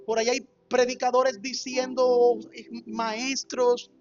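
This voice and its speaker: A man's voice: very high voice, little pitch movement, takes it slowly. A male pastor delivers an expository sermon, pressing his points with rhetorical questions. The recording sounds dull and lo-fi, with faint music underneath. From Colombia. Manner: emphatic, rhetorical questions to the congregation.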